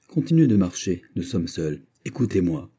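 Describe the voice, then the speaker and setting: A man reading aloud, voicing a grave, commanding nobleman who speaks in a low, urgent, ominous way. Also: very animated, moderate pace, mellow, slightly rough, heavily acted. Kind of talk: audiobook character reading.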